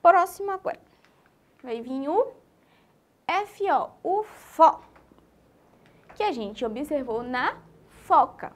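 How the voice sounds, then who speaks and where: Brazilian woman, children's teacher; high-pitched, very animated, sing-song delivery aimed at young kids. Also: slow pace, pauses often. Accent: Brazilian Portuguese. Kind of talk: children's literacy lesson.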